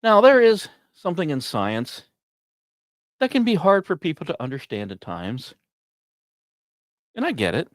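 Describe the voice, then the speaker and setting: On his science podcast, this host reads scripted narration punctuated by casual asides and musing, pausing dramatically between short phrases. His somewhat high voice swoops wildly in pitch, and the studio-quality recording has no echo.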